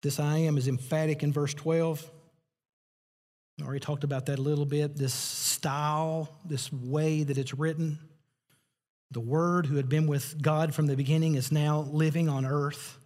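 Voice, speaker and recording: A joking pastor in a reverberant hall. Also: male voice, fairly high pitch, little pitch movement, moderate pace, a little mellow. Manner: joking asides, laughs at his own jokes; rising to emphatic preaching. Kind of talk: sermon.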